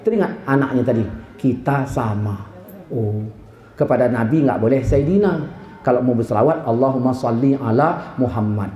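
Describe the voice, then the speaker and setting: A male preacher giving an animated, jokey sermon full of stories and acted voices. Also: mid-range voice, fairly quick. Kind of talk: sermon with storytelling. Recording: very echoey hall PA sound.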